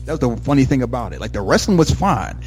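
A man, married, telling a story in candid casual chat, animated and swearing freely. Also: mid-range voice, fast, soft background music.

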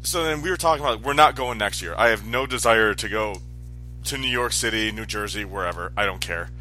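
A man's voice: fairly low pitch, fairly quick, bright, forceful tone, faint music behind, rough recording. A man in his forties chatting casually, rambling and correcting himself as he goes. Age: 40s. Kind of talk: casual chat.

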